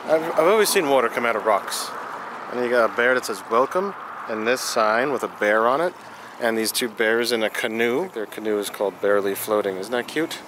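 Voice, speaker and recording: A man's voice: mid-range voice, a little fast. A man in his thirties chatting upbeat to a handheld camera, outdoors on a trip. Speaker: travel vlogger. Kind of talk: casual travel vlog. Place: outdoors in a town, also driving in a car. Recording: street and car noise behind. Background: traffic and outdoor ambience.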